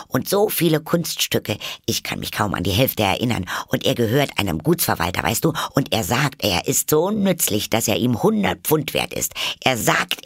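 A man's voice: fairly low pitch, gravelly, fairly bright tone, slightly rough, no room sound, studio quality, exaggerated voice. A man voicing an eager, polite little girl in a storybook reading, chattering anxiously and apologizing.

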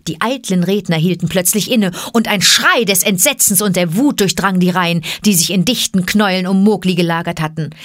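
A woman narrating a classic jungle story in a calm, measured and expressive way. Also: lowish voice, no room sound, clean studio sound. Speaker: audiobook narrator.

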